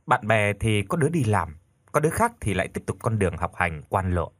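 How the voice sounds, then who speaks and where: Guy narrating a ghost story, lively pitch, kinda husky. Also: fairly quick, no echo, studio quality.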